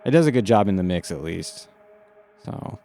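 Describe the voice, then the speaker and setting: A man's voice: sits low, very animated, moderate pace, creaky, loud music behind the voice. A man streaming from his home studio, chatting casually with his audience, laid-back and rambling, swearing often. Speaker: music streamer. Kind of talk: casual live-stream chat.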